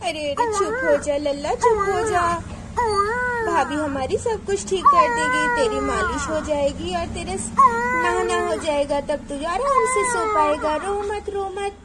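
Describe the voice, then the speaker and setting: A woman's voice: very high-pitched, animated, measured pace, heavy background noise. A woman doing an anxious young village woman.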